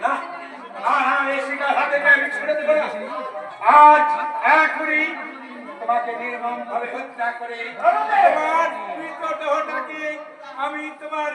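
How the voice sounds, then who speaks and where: A man playing a ruthless, boastful warrior king with a booming, declamatory delivery in Bengali folk theatre. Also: unhurried, long pauses, heavy background noise. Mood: furious, threatening. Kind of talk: Bengali jatra folk theatre stage acting. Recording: echoey open stage, distant mic, music, crowd.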